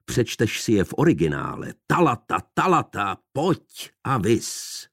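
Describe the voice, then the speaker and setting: A man's voice: on the low side, huge pitch swings, gravelly, a bit bright, breathy edge, dry recording, clean studio sound, full character voice. A man reading the part of a jovial, mocking young man with a bantering, theatrical way of talking. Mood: rhapsodic.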